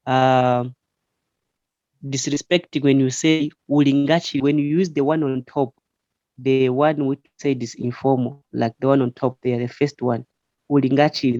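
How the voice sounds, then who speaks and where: A man's voice: mid-range voice, dark tone, no room sound, dull audio. A man teaching an online language lesson, explaining patiently step by step with repeated examples over a call.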